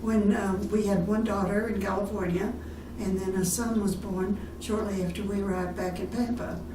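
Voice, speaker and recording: A woman's voice: mid-range voice, steady tone, normal speed. An older woman from Texas, a retirement community resident being interviewed about her life. She speaks unhurriedly, with many fillers and restarts. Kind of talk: recorded oral history interview. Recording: roomy, distant mic with background noise.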